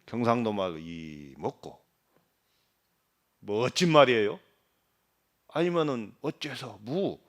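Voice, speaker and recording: A middle-aged man, a Buddhist monk giving a dharma talk. He questions his listeners, imitates regional dialects, and swings between loud emphasis and quiet asides. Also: mid-range voice, animated, moderate pace.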